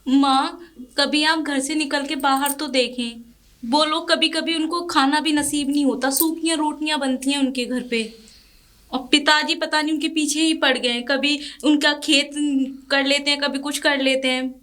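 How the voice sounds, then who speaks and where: A woman's voice: sits high, steady tone, normal speed, a bit bright. A woman playing a kind-hearted young daughter who argues earnestly and pleadingly. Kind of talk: low-budget film drama acting.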